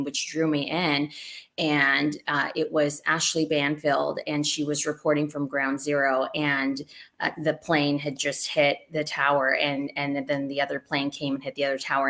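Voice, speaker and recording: Low, gravelly-voiced woman telling a story. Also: fairly bright tone. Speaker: TV news anchor, panelist. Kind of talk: panel discussion storytelling.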